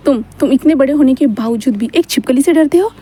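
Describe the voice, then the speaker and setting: A woman's voice: sits high, lively intonation, a little fast, mellow. A woman voicing a cheeky, spoiled young man with a playful, whiny teasing manner.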